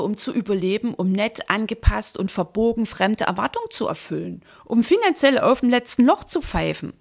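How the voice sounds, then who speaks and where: A woman coach speaking straight to the listener in a motivational podcast monologue, emphatic and exhorting, stressing key words, with a husky, creaky voice. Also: medium pitch, a little mellow. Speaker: business mindset coach, podcast host.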